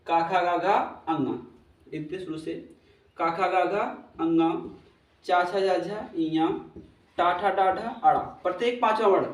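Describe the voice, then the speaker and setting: High-voiced man teaching in an echoey room. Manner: repetitive, checks in with listeners often. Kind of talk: classroom lesson. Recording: echoey room, mic at a distance, faint hum.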